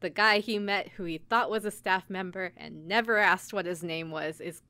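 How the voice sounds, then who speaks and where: She speaks at a normal speed in a lowish, bright voice with a forceful tone. As a podcast co-host, she tells the story of an anime episode in an informal, chatty recap full of "like" and quoted asides.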